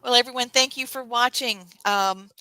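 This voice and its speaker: A woman's voice: on the high side, moderate pace, crowd noise, low-quality recording. A woman co-hosting a casual online talk show, chatty and gushing, with lots of fillers, on a video call. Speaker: co-host. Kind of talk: casual show sign-off and chat.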